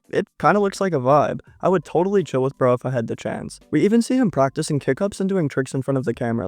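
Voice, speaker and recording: A man's voice: mid-range voice, darkish tone, no echo. A young man reading a scripted manga chapter recap in a casual, slangy way with joking asides.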